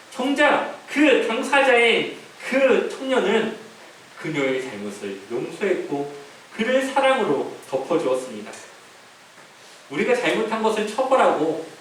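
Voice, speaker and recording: A man preaching a sermon as a pastor, telling a story with dramatic pauses and soft trailing phrase ends. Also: high voice. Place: church sanctuary. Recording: echoey hall from far off, faint hiss.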